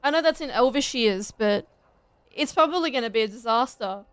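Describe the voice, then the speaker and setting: A young woman streaming a fantasy game, excitable, swearing and laughing as she comments. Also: fairly high pitch, fairly quick, clean tone, no room sound. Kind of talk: gameplay commentary.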